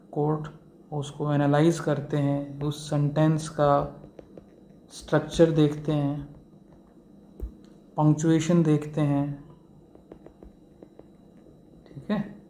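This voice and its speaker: A man's voice: on the high side, monotone, takes it slowly, long pauses, mellow, a little hiss or hum. A man giving a law lecture, explaining step by step and mixing in English legal terms, with fillers and rhetorical questions. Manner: asks the class rhetorical questions. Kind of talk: classroom lecture.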